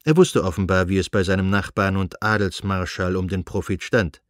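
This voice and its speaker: Measured male audiobook narrator. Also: low voice, fairly even intonation, no room sound, clean studio sound. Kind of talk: scripted narration.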